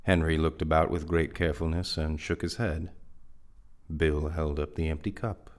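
A man's voice: rumbling low, little pitch movement, normal speed. A man narrating a dramatic reading of a novel in a vivid storyteller manner. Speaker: reader.

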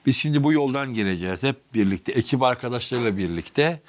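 A man's voice: mid-range voice, lively intonation, fast, slight background noise. A man hosting a history vlog on location underground, narrating dramatically and speaking straight to his viewers and crew, his voice echoing in the chamber. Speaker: history vlog host and guide. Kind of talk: spoken on-location tour narration. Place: underground stone passages beneath old city.

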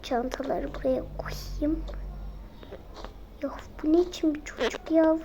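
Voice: high voice, fairly even intonation, unhurried, a bit bright, a little hiss or hum. A child voicing a short-tempered mother who is fed up with her naughty daughter, scolding and grumbling. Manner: exasperated, scolding, grumbles under her breath.

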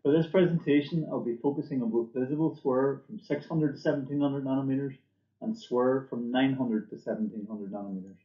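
Speaking a little fast in a mid-range voice, a middle-aged company presenter reads a scripted product pitch at his desk. The webcam shows an indoor room, and the recording sounds echoey, dull, and muffled.

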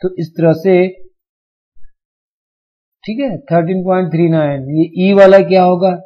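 A man teaching a math lesson, explaining slowly and step by step, repeating each number. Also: high voice, fairly even intonation, lo-fi sound. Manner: slow, repetitive, step-by-step explaining.

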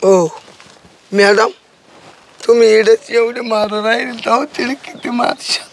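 A man playing a loud, sheepish rustic husband who pleads and bargains. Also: extremely high pitch, steady tone, measured pace, slight background noise. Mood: pleading. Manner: pleading, talks loudly, bargaining.

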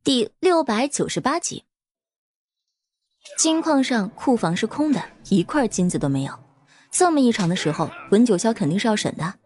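A woman narrating an audio drama in a lively, expressive storytelling manner. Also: fairly high pitch, moderate pace.

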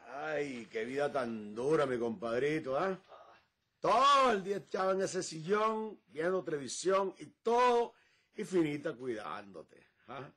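A man's voice: on the high side, lively intonation, measured pace, a bit bright, husky, exaggerated voice. An actor playing a teasing male friend in a telenovela comedy scene. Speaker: soap opera character.

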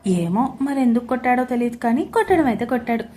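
A spiteful young sister-in-law, voiced by a woman, who taunts and gloats while stirring up trouble. Her voice sits fairly high in this audio story. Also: expressive, fast talker, warm tone, natural voice. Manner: taunting, gleeful.

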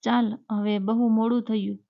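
A woman voicing a shy young college girl in love, reading her lines in an even storyteller's voice. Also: on the high side, normal speed, gravelly. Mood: affectionate. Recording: dull lo-fi recording.

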